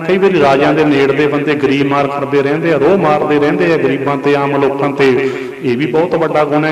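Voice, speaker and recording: A Sikh preacher telling a story, calling on the congregation to respond. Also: male voice, fairly high pitch. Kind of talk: gurbani katha sermon. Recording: echoey hall from far off.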